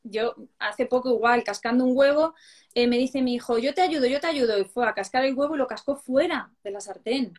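Higher-pitched woman explaining earnestly. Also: a little fast, darkish tone. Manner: explanatory, earnest, rhetorical questions. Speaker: psychologist guest. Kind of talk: casual live-stream chat on parenting.

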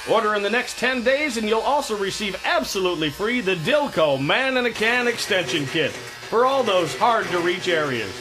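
Hyped-up man doing a spoof infomercial. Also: high voice. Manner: hyped salesman patter with deadpan innuendo. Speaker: spoof commercial announcer. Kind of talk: parody infomercial pitch.

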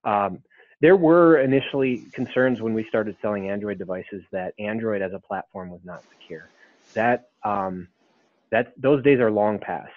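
A man with a low voice answers webinar questions in an explanatory way, often restarting his sentences. The sound is thin and phone-like. It is dry, with no room around it. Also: normal speed, no echo. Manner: explanatory, frequent ums and restarts. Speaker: webinar panelist.

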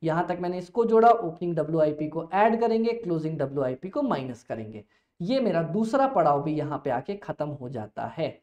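Male lecturer, animated and jokey, plays his own students; echoey room. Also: fairly high pitch, fairly quick, muffled recording. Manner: playful, answers his own questions in a student's voice. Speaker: teacher. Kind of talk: energetic classroom lecture.

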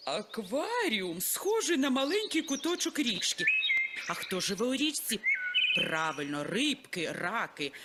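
A woman voicing a kindly auntie owl who teaches small children in a cartoon, speaking gently and fondly. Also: on the high side, very animated, measured pace. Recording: loud noise in a cartoon clip.

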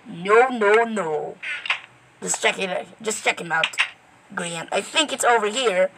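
A woman giving rambling, excitable commentary to viewers while playing a game. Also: mid-range voice, slow, background noise. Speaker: gameplay commentator. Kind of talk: casual gameplay commentary.

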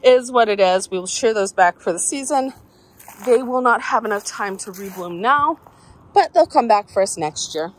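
Fairly high-pitched and lively in intonation, she talks at normal speed while touring her garden, phone held out at arm's length. The southern Alabama vlogger is chatty and cheerful, with folksy remarks along the way. A little hiss or hum mixes with faint outdoor ambience and passing helicopters.

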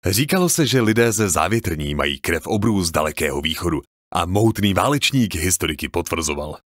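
A man reading an audiobook in scripted narration, expressive and dramatic. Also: low voice, dry recording, studio quality.

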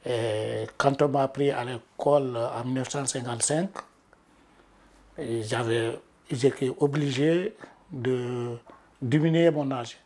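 A man in his seventies calmly telling about his childhood in an interview at home. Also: mid-range voice, slow pace. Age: 70s. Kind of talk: testimony interview. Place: living room, indoors.

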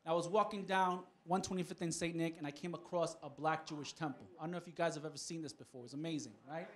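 A man's voice: fairly high pitch, steady tone, quick pace, a bit bright. A man from New York doing a stand-up comedy set, talking conversationally and making asides to the audience.

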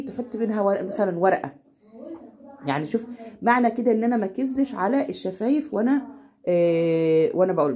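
A woman with an Egyptian Arabic accent tutoring a child at home, patient and slowing down to demonstrate recitation. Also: medium pitch, mellow. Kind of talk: casual home lesson.

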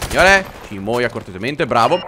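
Excitable gamer. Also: male voice, medium pitch, normal speed, a crowd in the background. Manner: excitable, swearing, jokey. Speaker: gaming commentator. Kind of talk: let's play commentary. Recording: game gunfire behind.

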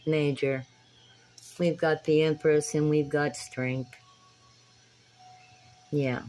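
Older woman, 60s, low-voiced and unhurried, earnest direct-to-camera vlogger on a phone mic, faint background hiss. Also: flat delivery, dark tone, poor audio. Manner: earnest, preacher-like, addresses viewers directly. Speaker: spiritual tarot vlogger. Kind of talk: casual talk to camera. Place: small dim room indoors. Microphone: phone camera at arm's length.

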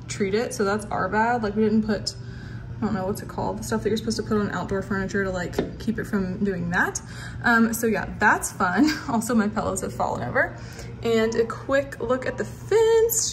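A woman's voice: on the high side, a bit bright, slight background noise. A woman, chatting casually and rambling as she films a tour of her own house on a handheld phone. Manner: chatty, rambling, self-deprecating, trails off and restarts. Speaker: lifestyle vlogger. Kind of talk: casual home-tour chat. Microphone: phone camera on a handheld stick.

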